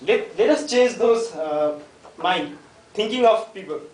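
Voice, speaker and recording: In an unhurried, expressive high voice, a Nepali student presents to his class, hesitating and cracking jokes as he speaks to classmates and quizzes them. The mic sits far off in an echoey classroom.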